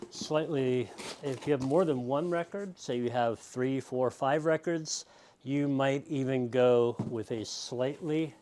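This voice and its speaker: A man with a medium-pitched, slightly mellow voice gives a casual tutorial, patiently showing each step and talking through it as he works.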